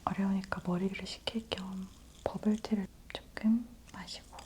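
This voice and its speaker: A woman host whispering softly and close in an ASMR news briefing, gently explaining things to the listener. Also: medium pitch, flat delivery, background noise. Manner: slow, gentle explaining to the listener in polite speech.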